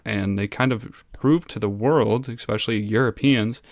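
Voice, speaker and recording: A man's voice: on the low side, normal speed, dry recording, studio quality. A male history teacher giving a casual, rambling exam review from his room at home, easily sidetracked and poking fun at himself. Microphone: desk microphone.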